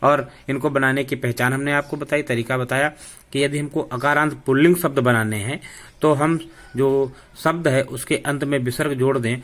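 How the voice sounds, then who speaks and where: A man teaching a slow, deliberate grammar lesson for young schoolchildren, spelling out sounds. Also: medium pitch, fairly even intonation, fairly bright tone. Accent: Hindi.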